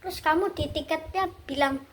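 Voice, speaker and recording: A woman's voice: high voice, brisk. A woman casually dictating a skit script, chatty, linking lines with "then" and acting out the quoted dialogue in shifting tones.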